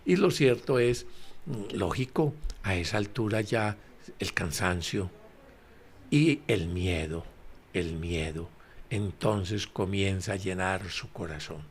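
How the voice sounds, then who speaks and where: A man's voice: sits low, lively intonation, slight background noise. Guy going through the sunday gospel, chatty, lots of ehs, repeats himself, talks right to the viewers. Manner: explains slowly, with frequent fillers and repetitions; addresses listeners directly. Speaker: Bible study presenter. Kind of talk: conversational gospel commentary.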